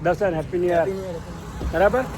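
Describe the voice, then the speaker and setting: Male vlogger, fairly high voice, chatty to-camera delivery, phone mic with street noise behind. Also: moderate pace. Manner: chatty, addresses viewers directly. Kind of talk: casual festive vlog narration.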